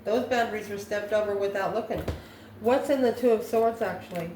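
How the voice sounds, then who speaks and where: Musing aloud through an improvised tarot reading, a channel host answers her own questions in a medium-pitched, dark voice at a slightly fast pace. The recording has an echoey room and faint background noise.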